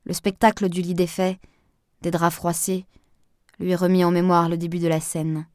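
Low-voiced woman narrating an audiobook. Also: dry recording, clean studio sound. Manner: measured, even storytelling.

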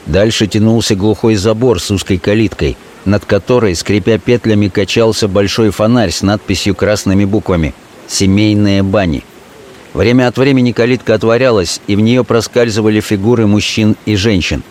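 A man reading classic prose as an audiobook in a steady, measured way. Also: on the low side, slight background noise.

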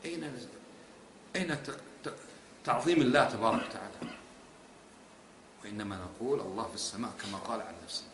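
A man's voice: fairly low pitch, fast, long pauses, fairly bright tone, slight background noise. A man teaching a lesson on creed, pressing his points with emphatic rhetorical questions. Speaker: religious teacher. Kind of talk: lecture on creed. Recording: echoey hall.

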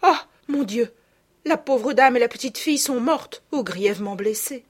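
A woman's voice: mid-range voice, normal speed, breathy edge, lightly acted. A woman reading a storybook, voicing a caring adult nursemaid who speaks urgently and warns the children. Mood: alarmed. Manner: urgent and warning.

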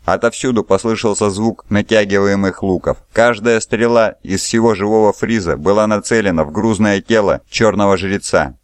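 A man reading an audiobook in steady, scripted narration. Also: fairly low pitch, moderate pace, hardly any pauses, no echo. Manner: steady storytelling. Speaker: audiobook reader.

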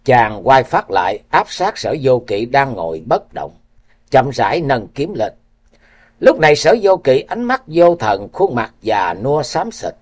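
A man's voice: medium pitch, big pitch swings, measured pace, a little mellow. A man reading a martial arts novel aloud with dramatic storytelling. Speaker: narrator.

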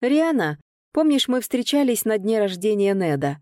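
A pompous gentleman in a gold-embroidered coat gushes with false familiarity and put-on offence, as a woman plays him. He is raised and theatrical in this audiobook, every word a show. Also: medium pitch, big pitch swings, normal speed, no echo, clean studio sound, pitched above the performer's own voice, natural voice. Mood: falsely friendly.

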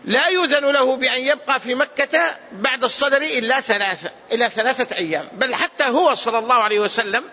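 A man's voice: very high-pitched, quick pace, sharp tone, lo-fi sound. A man teaching a mosque lesson on hadith as a sheikh, repeating key phrases for emphasis. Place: large mosque.

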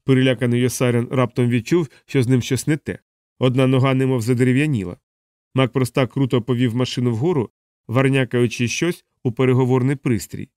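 A man narrating a novel aloud in an even, measured reading voice. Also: medium pitch, clear, resonant tone, dry recording, studio quality. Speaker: audiobook narrator. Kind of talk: scripted narration.

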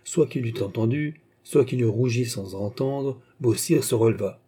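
A male audiobook reader narrates a classic novel in a slow, measured way. His voice is very dark and somewhat husky. It sits at a middle pitch.

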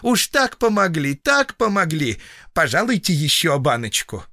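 A sly young peasant woman, put on by a male reader, coos her thanks in a high, sing-song, fawning voice. She sounds flattering and artful. The recording is dry and close. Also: measured pace, dry recording, exaggerated voice. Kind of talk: audiobook reading.

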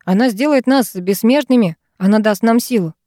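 Brief: woman narrator doing an obsessive young man, dark-toned, dry and close. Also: on the high side, moderate pace, no room sound, lightly acted. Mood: intense.

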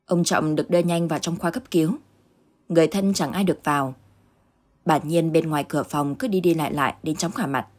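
A woman narrating a ghost story in a steady, dramatic reading. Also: low voice, fairly quick. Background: faint background music.

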